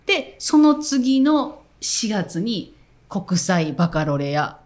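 Kansai woman co-host, chatty and animated, mid-pitched voice that moves a lot. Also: slow pace. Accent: Kansai Japanese. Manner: lively storyteller, laughs often. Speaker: podcast co-host, school director. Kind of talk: casual chat.

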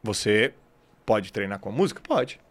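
Animated man explaining with casual slang. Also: fairly low pitch, normal speed. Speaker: English teacher, podcast guest. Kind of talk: casual podcast conversation.

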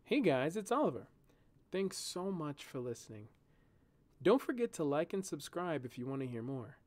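A man narrating a fantasy story as an audiobook with an expressive, lively reading; he also hosts his own channel. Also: fairly high pitch, normal speed.

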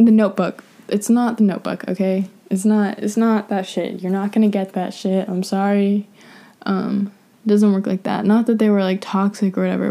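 A woman's voice: medium pitch, creaky, dark tone. A young woman hosting an advice podcast, talking frankly and rambling with lots of fillers and swearing. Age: young adult. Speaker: podcast host. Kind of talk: casual advice monologue.

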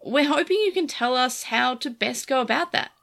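A woman's voice: high-pitched, expressive, normal speed, creaky, fairly bright tone, exaggerated voice. A woman reading a wary young code cracker man. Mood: careful. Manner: careful, guarded.

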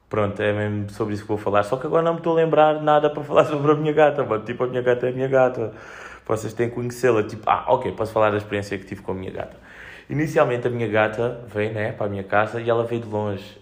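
A young man with a European Portuguese accent, chatting casually on his own in a slangy, sweary, joking way, telling rambling anecdotes as a podcast host. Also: fairly low pitch.

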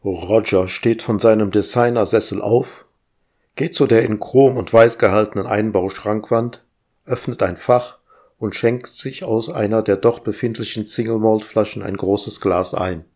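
A man reading his own short story aloud as narrator, in expressive storytelling. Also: on the low side, measured pace. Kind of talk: scripted narration.

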